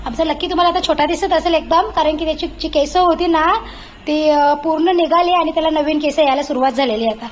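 A woman's voice: high-pitched, fast talker, faint music behind. A woman home vlogger chatting casually in her kitchen and playfully scolding her pet.

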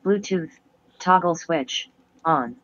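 A man's voice: a little high, slow pace, lo-fi sound, a loud crowd. Clipped synthetic male screen reader voice. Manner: clipped, flat readout of menu items. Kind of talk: automated screen reader readout.

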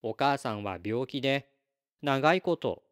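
A man voicing an eager little girl in a storybook read-aloud, talking in a high, excited way. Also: a little slow, no echo, studio quality, lightly acted. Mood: polite. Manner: pleading and excited, high and lively.

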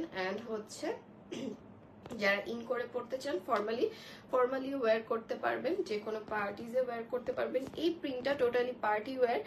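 A young woman talks low and gently because she has a cold, running a casual live sale of clothes. Her voice sits fairly high, and she keeps up an easy, chatty flow, dropping English words into her talk. A faint hiss runs under the recording. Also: low-quality recording. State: has a cold, speaking softly. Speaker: online clothing seller. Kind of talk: live-stream product showcase.

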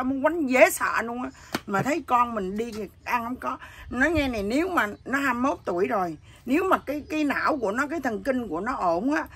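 Middle-aged woman, husky ambiguous voice, blunt earthy storyteller. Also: fairly high pitch, sharp tone. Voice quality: husky voice that sounds neither male nor female. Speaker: interviewee. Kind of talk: candid emotional chat.

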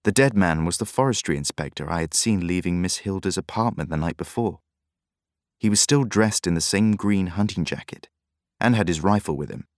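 Low-voiced male narrator, steady reading, very dry close sound. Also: dry recording. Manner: measured, even storytelling. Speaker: audiobook narrator. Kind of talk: scripted narration.

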